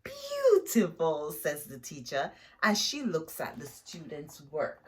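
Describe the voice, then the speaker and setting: A woman with a low voice reads a picture book to children, bringing it to life expressively and pausing now and then to put the story in simple terms for her young audience.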